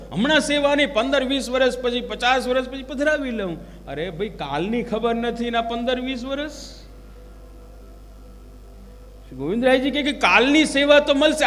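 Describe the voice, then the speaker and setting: A man's voice: extremely high pitch, a bit bright. A man giving a devotional sermon, telling stories and asking rhetorical questions of his listeners. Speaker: religious preacher. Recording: long hall reverb with faint music.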